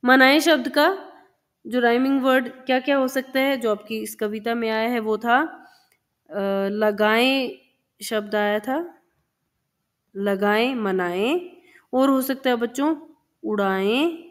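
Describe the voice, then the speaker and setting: A woman's voice: on the high side, slow pace, long pauses. A woman teacher explaining a children's textbook lesson, patiently repeating words and sounds for young pupils.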